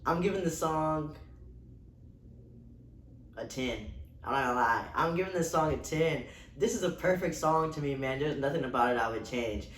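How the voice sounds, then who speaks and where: Excitable young man in an echoey room. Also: fairly high pitch, normal speed, pauses often. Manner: excitable, heavy swearing, slangy. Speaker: music reviewer. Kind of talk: casual reaction-style album review. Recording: echoey room, voice far from mic, faint hiss.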